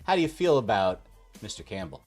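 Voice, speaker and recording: A man in his forties co-hosting a casual podcast, relaxed, with mock-formal introductions. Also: fairly low pitch, brisk, husky, faint music behind. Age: 40s. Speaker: podcast co-host.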